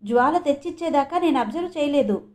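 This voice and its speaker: A woman's voice: sits high, expressive, quick pace, darkish tone, voice pushed up. A woman voicing an evasive middle-aged male doctor who answers defensively in a storybook reading.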